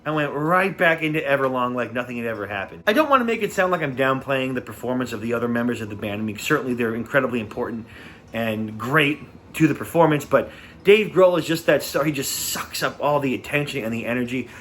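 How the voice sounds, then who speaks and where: A man's voice: medium pitch, expressive, fast, fairly bright tone, a little hiss or hum. A man giving a casual, enthusiastic concert review, gushing and repeating words as he talks.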